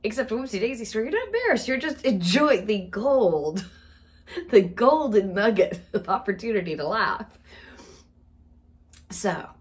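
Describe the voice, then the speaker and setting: A woman telling funny personal stories in a casual monologue, laughing often as she talks. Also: medium pitch. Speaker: wellness storyteller.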